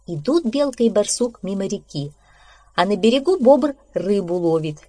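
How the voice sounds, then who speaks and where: A woman with a medium-pitched voice reads a children's story aloud at a moderate pace. Her storytelling is expressive and animated.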